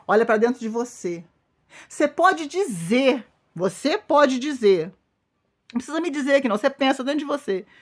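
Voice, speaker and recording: A Brazilian woman pastor delivers an informal sermon in a somewhat high voice. She speaks emphatically, repeats her phrases for weight and turns to her listeners directly. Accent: Brazilian Portuguese.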